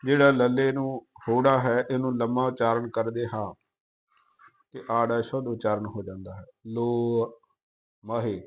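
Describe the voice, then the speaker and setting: A man reciting scripture slowly in a measured chant, with quick, quieter spoken notes on pronunciation. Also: mid-range voice, flat delivery.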